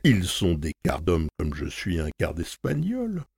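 Shrewd, steady manservant, as a male reader puts him on, with a deep gravelly voice and a lively, measured delivery. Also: dry recording, studio quality, heavily acted. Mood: calm, wry. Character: shrewd loyal male servant, calm and persuasive.

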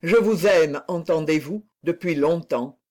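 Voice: medium pitch, a little slow, a little mellow, lightly acted. A reader voicing an impassioned noble lady who declares her love in a fervent, pleading manner.

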